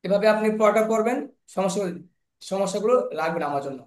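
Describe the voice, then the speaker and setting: A man teaching English pronunciation in an online class, slowly repeating sounds and words over and over. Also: high-pitched, animated. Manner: slow, repeats sounds and words many times. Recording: echoey room.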